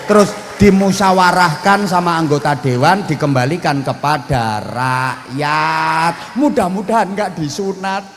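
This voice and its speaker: A man's voice: fairly high pitch, measured pace, fairly bright tone, long reverb tail, a little hiss or hum. A man preaching a humorous sermon, blunt and joking, mixing in local dialect.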